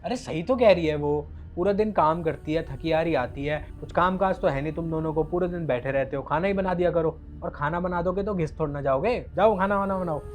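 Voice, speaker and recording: A man's voice: a little high, fairly quick, few pauses, close to an everyday voice. A man playing a son who brushes off his parents and sides with his wife in a family skit. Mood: dismissive. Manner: offhand, dismissive.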